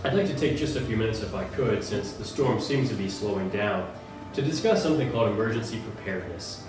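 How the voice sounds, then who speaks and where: A man playing a pompous, deadpan local TV news anchor with a mock-authoritative manner in a parody newscast. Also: fairly low pitch, a little fast, close to an everyday voice. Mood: self-important. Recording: echoey room, distant mic, music behind.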